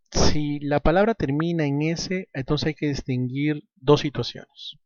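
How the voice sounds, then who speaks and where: A man's voice: medium pitch, darkish tone, no room sound, dull audio. A man teaching a recorded grammar lesson, stressing each example word as he works through exercises. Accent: Peruvian Spanish. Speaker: language teacher.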